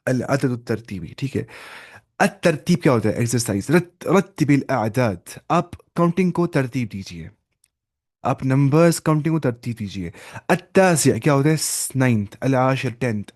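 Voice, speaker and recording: A man's voice: medium pitch, lively intonation, a little mellow, no echo. Patient male Arabic teacher, dry sound. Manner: explains slowly, switching between Urdu, Arabic and English, often repeating words. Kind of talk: online class teaching.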